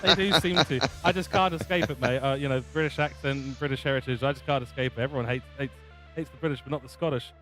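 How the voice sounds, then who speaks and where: A man's voice: mid-range voice, fairly even intonation, fast, pushed and bright, soft background music. Chatty New commentator man. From New Zealand. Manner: chatty, jokey, many fillers. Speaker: race commentator. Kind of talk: sim racing broadcast sign-off.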